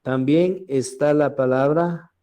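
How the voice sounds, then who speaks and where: A man teaching a recorded language class, speaking slowly, repeating each word and often asking "¿verdad?", with frequent throat clearing. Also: a little high, steady tone, warm tone. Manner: slow, repeats words and asks "¿verdad?" often.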